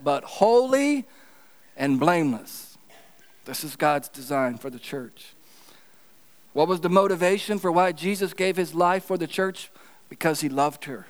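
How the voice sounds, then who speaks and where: A man's voice: high-pitched, clean tone, big-room sound. A man preaching a sermon as pastor, earnest and emphatic, building his points through repeated phrases.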